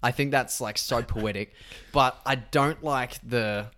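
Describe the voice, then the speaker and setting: A man's voice: mid-range voice, a little slow, pushed and bright. A man co-hosting a podcast, chatting casually about films, swearing and laughing as he animatedly retells scenes. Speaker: podcast co-host. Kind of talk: casual film chat.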